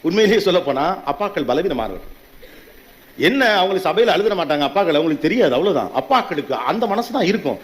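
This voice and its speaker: Fast, high-voiced man giving a fiery speech. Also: sing-song. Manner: emphatic, rhetorical questions, punchy repetitions. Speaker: motivational speaker. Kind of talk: public motivational speech to an audience.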